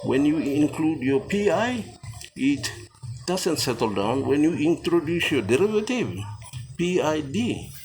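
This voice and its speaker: A man with a Papua New Guinean accent giving an informal technical lesson, mixing Tok Pisin pidgin into his English in short, halting phrases. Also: on the high side, big pitch swings, over music. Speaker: instructor.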